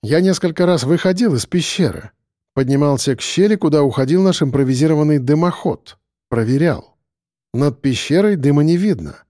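A man narrating an audiobook in a measured, steady manner. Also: fairly high pitch, no echo, studio quality.

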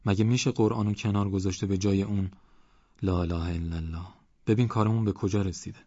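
A man voicing a gentle, earnest village preacher who speaks in a measured way. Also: low-pitched, fairly even intonation, no room sound, muffled recording.

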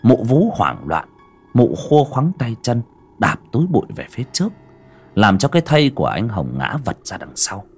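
A man's voice: mid-range voice, huge pitch swings, normal speed, a little mellow, husky, faint music behind. A man narrating a horror audiobook with dramatic storytelling.

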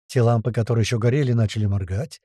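A man narrating an action audiobook in an expressive storytelling manner. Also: medium pitch, fast, slightly rough, dry recording, studio quality.

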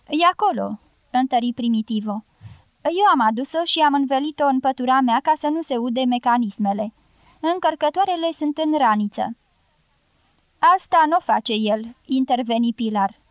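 Woman, high voice, audiobook narration, voices all dialogue herself, dry close sound. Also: animated, no room sound. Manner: reads all characters' dialogue in her own voice.

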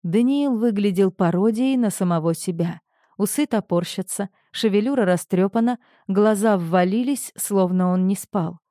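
A woman narrating an audiobook in an even, expressive reading. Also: mid-range voice, moderate pace, no echo, clean studio sound. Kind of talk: scripted narration.

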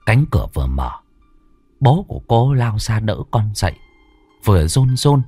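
A man's voice: on the low side, very animated, normal speed, warm tone, slightly rough, no room sound, faint music behind. Dramatic male ghost-story narrator, wide-ranging. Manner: suspenseful, vivid storytelling cadence.

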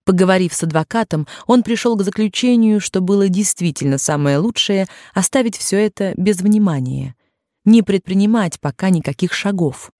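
A woman narrating an audiobook in a measured, even-paced reading. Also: mid-range voice, no echo, studio quality.

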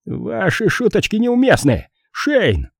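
Guy doing a squeaky high touchy little cop, huffy and prim, voice jumping all over, husky edge. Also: sing-song, fairly quick, warm tone, no room sound, studio quality, exaggerated voice. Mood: indignant. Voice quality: shrill, shrieking. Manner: prim, indignant, easily offended. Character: nervous, shrill little male police officer.

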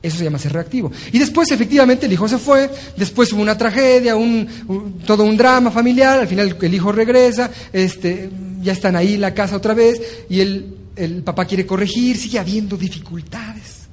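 A man giving a motivational talk, animated and acting out little scenes as he teaches. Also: high voice, brisk. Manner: animated, acts out stories with voices. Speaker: motivational speaker.

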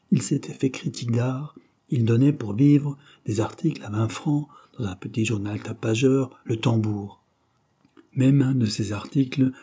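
A man narrating a classic novel as an audiobook reader, in a measured, literary way. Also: fairly low pitch, mellow, slightly rough.

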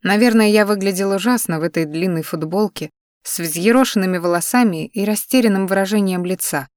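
A woman narrating a first-person story in an even, measured audiobook reading. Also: mid-range voice, no room sound, studio quality.

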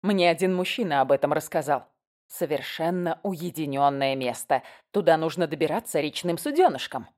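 A woman's voice: low voice, lively intonation, moderate pace, darkish tone. A woman reading the part of a restless husband, talking eagerly about travel plans in an audiobook. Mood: enthusiastic. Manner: eager, matter-of-fact planning.

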